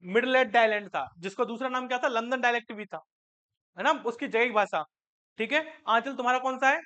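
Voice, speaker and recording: Male teacher, very high pitch, bright forceful tone, classroom lecture, quizzing students then answering himself. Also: a little fast. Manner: asks students questions and answers them himself; mixes English terms into Hindi.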